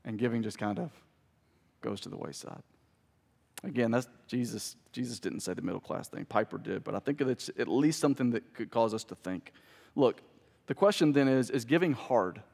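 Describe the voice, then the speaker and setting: Pastor preaching in a reverberant church. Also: male voice, medium pitch, expressive, normal speed, vocal fry, a little mellow. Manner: conversational preaching that swells into emphatic peaks. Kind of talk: sermon. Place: church sanctuary with congregation. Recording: long reverb of a church hall.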